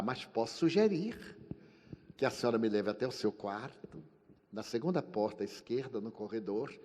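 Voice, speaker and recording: Older Brazilian man, spiritist lecturer, theatrical storyteller, live hall with long reverb. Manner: animated storyteller, acting out dialogue with shifting pitch and volume. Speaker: spiritist speaker.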